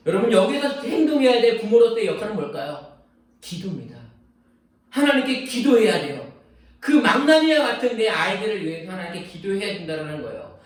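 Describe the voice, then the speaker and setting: A man preaching a sermon as pastor, earnest and pleading, acting out prayers as he speaks. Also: high-pitched. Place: church sanctuary. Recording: echoey church hall, distant mic.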